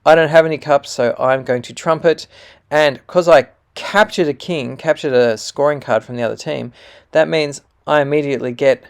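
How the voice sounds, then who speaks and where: A man's voice: fairly high pitch, moderate pace, gravelly, clear, resonant tone. A man patiently explaining a card game hand as he plays, with fillers and self-corrections.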